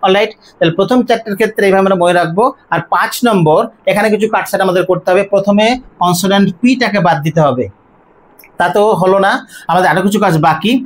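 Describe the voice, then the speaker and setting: An English teacher gives an online lesson, asking questions and then repeating each word slowly to drill its pronunciation. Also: mid-range voice, slight background noise. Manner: poses questions to the viewer, then answers them.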